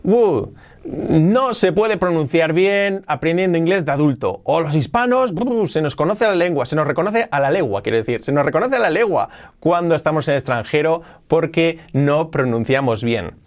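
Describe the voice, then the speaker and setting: A young man from Spain with a Spanish accent, hosting a casual video lesson on learning English. He talks in a lively way and often repeats himself. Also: a little high. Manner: lively, repeats himself, quick asides and laughs. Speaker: English teacher, channel host.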